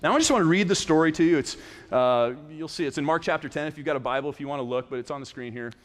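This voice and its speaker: In a church sanctuary, a pastor in his thirties delivers a relaxed, conversational sermon, frequently restarting his phrases. His voice is a bit high and rapid-fire, and the church hall adds a lot of reverb.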